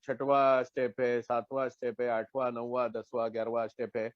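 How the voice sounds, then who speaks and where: A man's voice: medium pitch, level tone, moderate pace, dry recording, dull audio. Indian man sharing his recovery story. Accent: Mumbai Hindi. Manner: conversational, acts out both sides of phone talks. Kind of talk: personal testimony in an online meeting. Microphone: online call mic.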